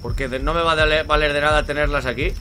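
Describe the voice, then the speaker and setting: A young man with a Spanish accent from Spain, hosting casual gameplay commentary, swearing often, grumbling at the game and breaking into loud panicked shouts. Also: on the high side, fairly even intonation, fast talker, slight background noise. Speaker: gaming channel host.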